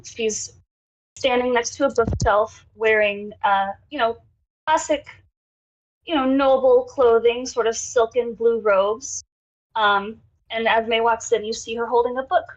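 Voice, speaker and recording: A woman playing in a tabletop game who describes her character in a relaxed way with many fillers. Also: a little high, a little slow, dull audio. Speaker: player.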